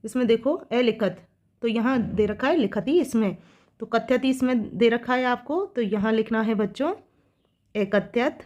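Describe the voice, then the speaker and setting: A woman teacher, speaking, works through textbook exercises for children, reading each line slowly and then explaining it. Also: a little high, darkish tone, lo-fi sound. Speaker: school teacher.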